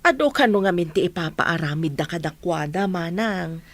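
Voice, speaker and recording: A woman's voice: lowish voice, lively intonation, normal speed. A woman playing a village mother who scolds plainly, with an Ilocano accent, in a radio comedy drama. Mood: defensive. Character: village mother nagging her student daughters.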